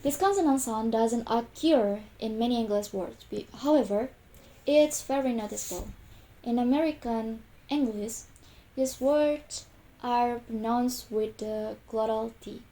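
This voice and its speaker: A woman's voice: fairly high pitch, unhurried, warm tone, rough recording. A young woman student giving a class presentation, speaking carefully and repeating each example sound several times. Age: young adult.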